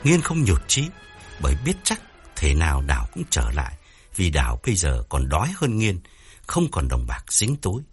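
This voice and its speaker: A man narrating an audiobook story in an expressive, dramatic storytelling manner. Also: extremely low pitch, normal speed, slightly rough, soft background music.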